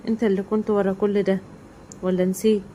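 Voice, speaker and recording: A woman's voice: medium pitch, level tone, fast, mellow, slight background noise, lightly acted, low-quality recording. A woman voicing a loyal, affectionate young husband in an Egyptian accent, earnest and reassuring.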